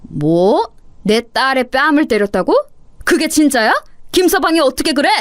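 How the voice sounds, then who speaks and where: Woman voicing a gentle, worried old father. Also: sits high, expressive, normal speed, dry recording, clean studio sound. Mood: concerned. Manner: soothing, concerned.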